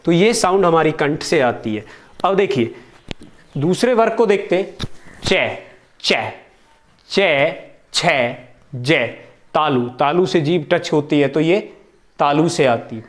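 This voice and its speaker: A man teaches a grammar lesson in a patient, explanatory way, often repeating key terms. He slows down to stretch and repeat single syllables as examples. His voice sits a little high for a man. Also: expressive. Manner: slow, repeated demonstration of sounds, stretching syllables. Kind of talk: Hindi grammar lesson on places of articulation.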